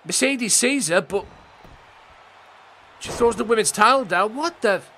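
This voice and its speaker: A young man calls a wrestling game on a live stream, swearing freely and speaking directly to his chat. His voice sits a little high for a man and is a little slow, swinging between excited outbursts and offhand asides, with a faint hiss or hum.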